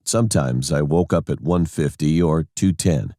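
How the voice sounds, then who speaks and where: A man's voice: rumbling low, normal speed, warm tone, no echo, studio quality. A man narrating a scary personal story in a plain, matter-of-fact way.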